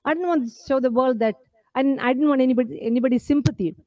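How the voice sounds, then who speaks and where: A high-voiced Indian woman in her forties talks fast as she gives an earnest, emphatic talk at her own book launch, using a podium mic on an indoor stage and asking listeners rhetorical questions. The recording is dry and dull.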